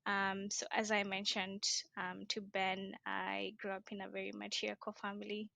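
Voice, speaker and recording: A woman's voice: medium pitch, completely flat delivery, normal speed, creaky, pushed and bright, no echo. A young woman from Kenya, a guest in an interview, talking casually with frequent hesitations. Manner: hesitant, many ums. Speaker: guest, social entrepreneur.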